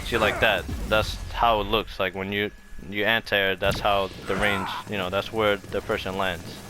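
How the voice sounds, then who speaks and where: This man's casual fighting game commentary wanders and returns to earlier points as music plays underneath. He speaks with a lowish, flat delivery at a moderate pace, and background noise is present.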